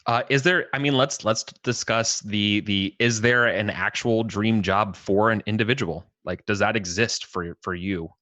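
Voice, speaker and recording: A man's voice: fairly low pitch, normal speed, hardly any pauses, pushed and bright, no room sound. A man in his late twenties, a guest on a podcast who runs tabletop games, talking casually in a laid-back way. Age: late 20s. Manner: laid-back, lots of "uh" fillers and restarts.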